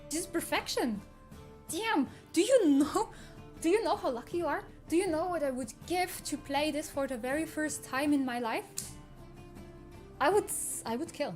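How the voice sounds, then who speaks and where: A man's voice: extremely high pitch, lively intonation, moderate pace. A man speaking through a voice changer that makes him sound female, playing a teasing, sarcastic AI avatar who chats casually with viewers. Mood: chatty. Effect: voice changer making a man sound female. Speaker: streamer. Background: faint game soundtrack music.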